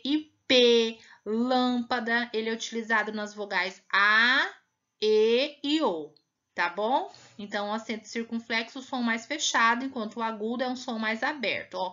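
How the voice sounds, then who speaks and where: Woman from Brazil, primary school teacher, patient, drawn-out words, muffled lo-fi recording. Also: a little high, bright, forceful tone. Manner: patient, sounds out words slowly to demonstrate. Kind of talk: recorded classroom lesson. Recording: muffled lo-fi sound.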